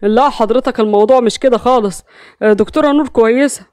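A woman's voice: a little high, fast talker, a little mellow, dry recording, studio quality, lightly acted. A woman voicing a shy, nervous man who stammers and pleads, with an Egyptian accent. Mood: hesitant. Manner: hesitant, pleading. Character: bashful, frightened male suitor.

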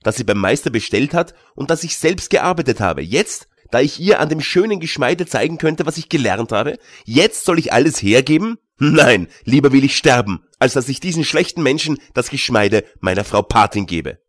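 A man's voice: medium pitch, sing-song, normal speed, hardly any pauses, dry recording, clean studio sound. A man reading an audiobook, voicing an anxious teenage goldsmith apprentice who turns fiercely indignant. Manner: fearful, then fiercely indignant.

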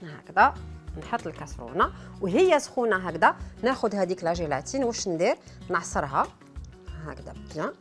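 A woman's voice: on the low side, big pitch swings, fairly quick, a bit bright, soft background music. A woman with an Algerian accent presenting a cooking demonstration, chatting straight to her viewers with frequent asides.

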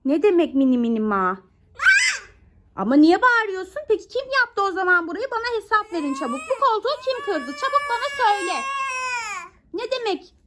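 A woman's voice: very high voice, a little fast, noisy background. A woman vlogger playfully scolding and questioning a child, firing question after question. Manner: mock-scolding, questioning, animated.

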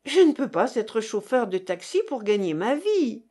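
A woman voicing a lively, curious young Polish student with rolled R's and an eager, pleading manner. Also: a little high, moderate pace. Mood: defensive.

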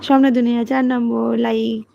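A woman, hosting a casual livestream, reading comments and talking softly and quietly. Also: little pitch movement, fast, creaky, lo-fi sound, a little hiss or hum. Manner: soft, low-volume talk, as her daughter is studying. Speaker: livestream host.

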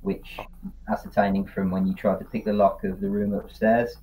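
A man's voice: fairly low pitch, level tone, normal speed, mellow. A man narrating a tabletop game as game master, describing scenes steadily with fillers. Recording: tinny voice-chat audio, faint noise.

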